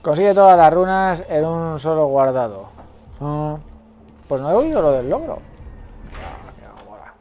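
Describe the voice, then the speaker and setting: A man, a let's play streamer giving excitable gameplay commentary and talking to himself. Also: on the high side, moderate pace. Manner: excitable, swears freely, talks to himself.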